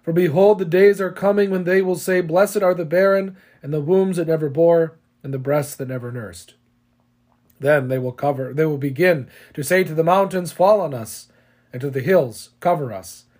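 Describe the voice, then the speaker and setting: Man reading a calm, solemn condemned teacher. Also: a little high, moderate pace, lightly acted. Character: calm grave male teacher facing judgment.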